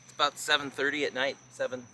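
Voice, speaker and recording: A man's voice: medium pitch, little pitch movement, fast, bright, forceful tone, slight background noise. A man hosting a motorcycle vlog, chatting casually in an outdoor recording. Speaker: motovlog host. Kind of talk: casual chat.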